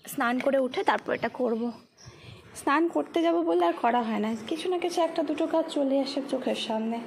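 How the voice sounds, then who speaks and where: Young woman vlogger, high and soft-spoken, casual daily chat, faint background noise. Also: a little fast, vocal fry. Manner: soft-spoken, chatty, talks to her child in a sing-song voice. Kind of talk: casual daily-life vlog narration.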